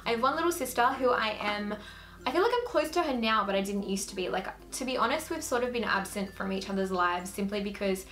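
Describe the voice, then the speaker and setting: A woman's voice: mid-range voice, fairly quick, fairly bright tone. A woman in her twenties with an Australian accent, chatting casually to camera in a Q&A and filling her talk with "like". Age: 20s. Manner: chatty, filler-heavy with frequent "like". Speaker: YouTuber.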